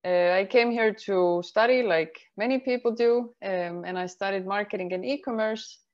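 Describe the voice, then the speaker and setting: A woman career advisor answers interview questions. She explains things calmly and step by step. Her mid-pitched voice comes through a slightly muffled call line. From Estonia. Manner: measured, explaining in steps.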